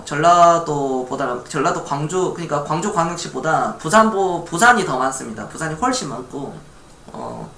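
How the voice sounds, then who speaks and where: A man's voice: on the high side, pushed and bright, reverberant, slight background noise. A man from Gwangju streaming live about stock investing in a casual chat, reading viewer messages aloud. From Gwangju, South Korea. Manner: chatty, reads viewer chat aloud, laughs lightly.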